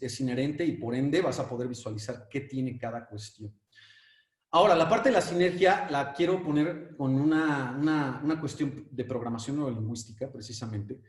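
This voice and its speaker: A man with a Mexican accent gives a lively conference talk and tells a fable along the way. He repeats words and fills pauses often. His fairly high voice echoes in a roomy space and is picked up from a distance. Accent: Mexican Spanish. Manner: animated, repeats words, many fillers. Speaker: conference speaker. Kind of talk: lecture with storytelling. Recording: echoey room, mic at a distance.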